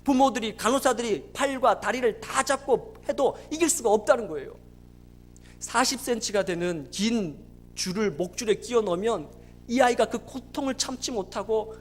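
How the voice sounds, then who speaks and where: A woman preacher giving a Sunday sermon in a church, telling a story dramatically and swinging between hushed and loud passages. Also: a little high, animated, normal speed. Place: church sanctuary.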